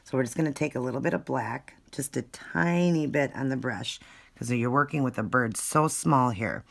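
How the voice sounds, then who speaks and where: Recorded on a phone in a noisy home, this nail art presenter has a bass voice with vocal fry and talks at normal speed. She goes through her craft tutorial casually, step by step, musing aloud as she goes.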